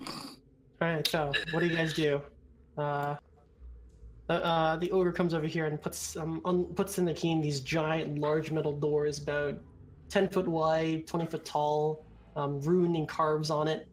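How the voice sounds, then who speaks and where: A man improvising descriptive narration as game master of a tabletop game, halting and conversational. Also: fairly high pitch, level tone. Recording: background noise.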